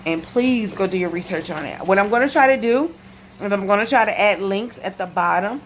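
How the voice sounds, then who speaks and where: This medium-pitched woman speaks briskly with lively intonation, over a little hiss or hum. A lisping video blogger, she gives a health testimony from her living room, talking casually and emphatically to viewers and repeating what matters most.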